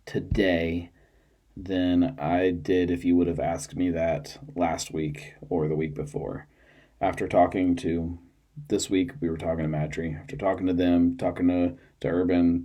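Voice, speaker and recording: A tired man with a low, dark voice hosts a podcast alone in a small studio. He talks in a rambling, easygoing way, full of ums and restarts. His voice has a slightly husky edge. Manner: rambling, with many fillers and restarts. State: tired, yawning. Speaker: podcast host. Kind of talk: casual solo chat.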